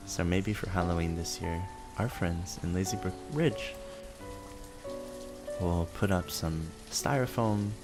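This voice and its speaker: A man rambling softly and sleepily, musing gently and without hurry in short phrases as he hosts. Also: low-pitched. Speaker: host of a relaxed rambling show. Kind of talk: soft sleepy rambling, narrating a town-building game.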